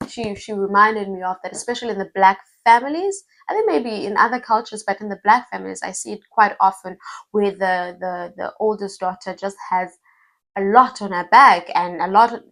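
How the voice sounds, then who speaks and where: A woman from Africa, reviewing her favorite books in a casual, animated way and repeating words for emphasis. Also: medium pitch, normal speed. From South Africa. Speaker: book vlogger.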